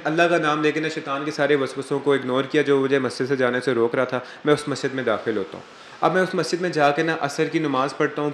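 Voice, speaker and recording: A man's voice: mid-range voice, a little hiss or hum. A man from Pakistan, giving an earnest religious talk and telling a personal story with emotion. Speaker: religious speaker. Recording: echoey room, faint ambience.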